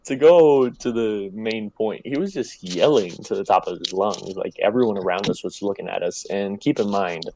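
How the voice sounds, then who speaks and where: Low-voiced Puerto Rican man telling a story. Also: moderate pace, creaky, hardly any pauses, mellow, poor audio. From Puerto Rico. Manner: loose storytelling with swearing and laughs. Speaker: podcast co-host. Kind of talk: casual chat.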